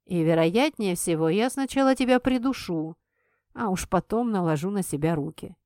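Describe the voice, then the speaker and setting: A woman reading an audiobook and voicing a wry, teasing grown man, a police officer, with a lowered, quieter and drawn-out delivery. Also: lively intonation, no echo, studio quality, natural voice. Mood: dry, teasing.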